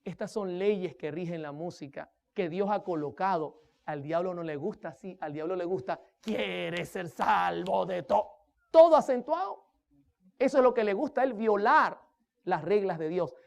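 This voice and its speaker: A woman's voice: fairly low pitch, lively intonation, normal speed, darkish tone. A woman giving a sermon-style lesson on rhythm and music, speaking emphatically, asking the listeners questions and counting beats aloud. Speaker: music teacher preaching.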